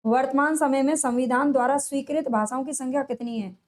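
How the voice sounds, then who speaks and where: A woman with a high voice teaching an exam-prep lesson. She asks each question and answers it herself, and she stretches out and repeats the key answers so students remember them. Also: steady tone, a little mellow. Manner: drawn-out, stressed delivery on answers. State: sore throat.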